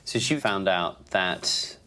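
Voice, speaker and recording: A man's voice: deep voice, lively intonation, takes it slowly, sharp tone, slight background noise. A man in casual family conversation, asking and reflecting in an everyday way. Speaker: son of the main participant.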